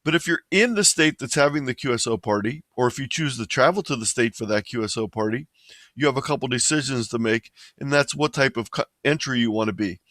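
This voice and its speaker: In a brisk, fairly bright, medium-pitched voice, a man walks through an informational slide presentation. His delivery is plain and explanatory, in the style of a webinar lecture, and the recording is dry with minimal echo.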